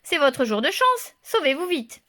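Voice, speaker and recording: A woman voicing a sentimental, hungry young male wolf in a children's storybook reading, grumbling and gruff yet softhearted. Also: high-pitched, big pitch swings, unhurried, pitched above the performer's own voice, exaggerated voice.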